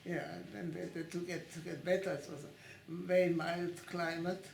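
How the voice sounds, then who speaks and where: At her home, a woman in her nineties who was born in Italy and grew up in Italy and Switzerland recalls her past for an oral history interview. She speaks haltingly, restarting often as she hunts for words, in a lowish, fairly flat voice with vocal fry and a slightly mellow quality. The room echoes noticeably, and faint music plays in the background.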